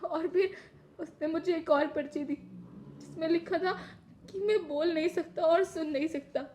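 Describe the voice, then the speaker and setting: Woman acting short-tempered housewife, very high voice, scolding, faint background noise. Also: fairly even intonation, unhurried, darkish tone. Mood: tearful. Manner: scolding, shrill, then tearful. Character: short-tempered housewife who turns remorseful. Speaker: actress in a short drama.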